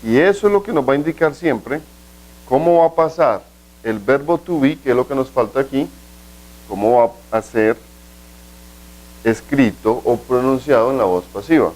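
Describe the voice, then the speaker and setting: A man teaching an English grammar lesson in a video, explaining step by step, asking the class rhetorical questions, and slowing down to say example sentences carefully. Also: medium pitch, a little mellow, rough recording.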